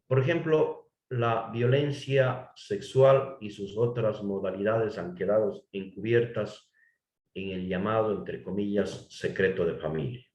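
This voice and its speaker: A man from Ecuador, giving a formal legal lecture in a measured way, restating phrases and asking rhetorical questions. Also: fairly low pitch, a little mellow, roomy sound. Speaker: course lecturer.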